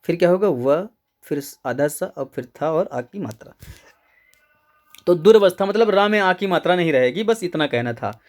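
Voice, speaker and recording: A man's voice: high voice, darkish tone. Man teaching Hindi grammar step by step. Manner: explains step by step, repeats key words, checks in with "ठीक है". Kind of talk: exam answer-key lecture.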